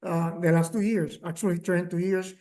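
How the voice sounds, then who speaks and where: A man speaking as a caregiver at a workshop, telling his story with many pauses, fillers and restarts, and growing emotional at times. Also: sits high, fairly even intonation, dark tone. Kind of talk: personal testimony, remote talk.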